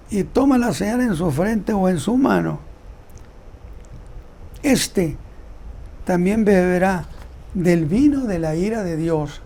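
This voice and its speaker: A man giving a Bible teaching sermon, reading scripture aloud and commenting on it in a slow, deliberate way. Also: sits high, gravelly, dark tone. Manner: slow, deliberate delivery with repeated words. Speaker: preacher.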